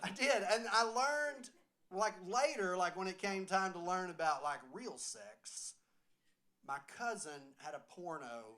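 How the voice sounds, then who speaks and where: A tipsy man with a Southern accent doing a loud, rambling stand-up set in a small comedy venue. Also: high voice, unhurried. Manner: loud, rambling, excitable delivery.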